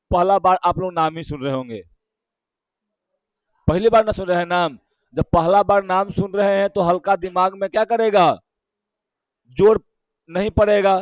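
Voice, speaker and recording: Speaking slowly in a high, bright voice with a Bihari Hindi accent, a man teaches physics, repeating each key term and often asking his class short questions to check they follow. The audio is dry, close and smooth, with no echo.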